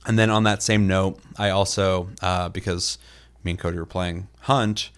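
Deep-voiced man rambling about games. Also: steady tone, moderate pace, smooth. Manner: rambling, filler-heavy storytelling with casual swearing. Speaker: podcast co-host. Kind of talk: casual gaming podcast chat.

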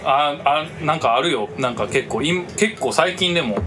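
A podcast co-host with a Kansai Japanese accent tells a story in casual chat, his voice on the high side at a normal speed. He rambles, leans on lots of fillers, and keeps the telling lively, with a noisy background behind him.

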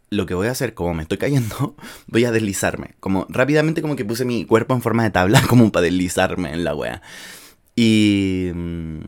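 A man's voice: on the low side, a little mellow. A young man with a Chilean accent, telling a story casually in slang-filled speech. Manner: informal and slangy, with frequent filler words. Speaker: vlogger.

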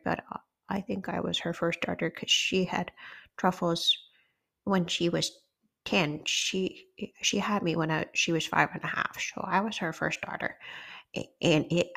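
Christmas Koala, a woman doing a cheerful girl koala. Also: gravelly. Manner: high, sweet, childlike chatter. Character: chatty little girl koala toy, cheerful.

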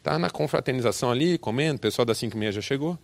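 A male pastor preaching a sermon, telling stories and acting out scenes, building to loud bursts. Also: medium pitch, lively intonation, very fast, gravelly, dry recording.

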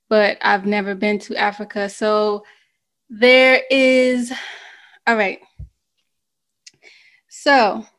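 A woman from the United States hosting a casual podcast conversation, chatty and relaxed, with easy fillers. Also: mid-range voice. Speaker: podcast host.

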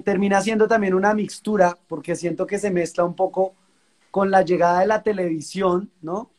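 Man, Colombian Spanish accent, high voice, relaxed storytelling guest. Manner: relaxed, storytelling, uses fillers like pues. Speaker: singer-songwriter guest. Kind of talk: casual interview chat.

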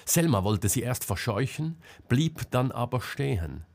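A man reading an audiobook as narrator in a calm, measured way. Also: mid-range voice. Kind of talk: scripted narration.

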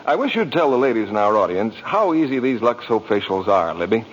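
A man's voice: fairly low pitch, very animated, fairly quick, a little hiss or hum. A man working as a radio announcer, reading scripted 1940s advertising dialogue. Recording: dull old radio recording.

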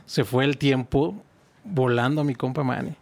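Mexican podcast host, mid-pitched voice. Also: a little slow, creaky. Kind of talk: casual podcast chat.

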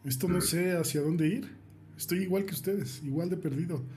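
A man plays his character in a tabletop game. His voice is dark and mellow, pitched a little high. He speaks calmly and reassuringly to the others. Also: moderate pace. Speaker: player. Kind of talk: casual tabletop chat.

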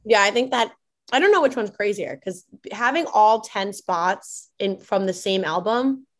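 A woman with an average-pitched voice chats as a podcast guest. Her style is casual and conversational, and she is speaking over a video call. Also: expressive, a little slow. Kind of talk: casual fan chat.

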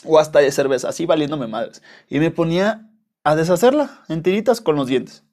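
Hosting his podcast, a young man with a Mexican accent rambles through stories in a casual monologue full of slang and profanity. He sounds animated, with a slightly high, slightly mellow voice and a somewhat fast pace.

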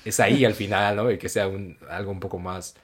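Deep-voiced Mexican man telling anecdotes. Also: brisk, husky. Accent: Mexican Spanish. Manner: animated storyteller, jumps to high acted voices for quotes; colloquial, many fillers. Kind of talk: casual chat.

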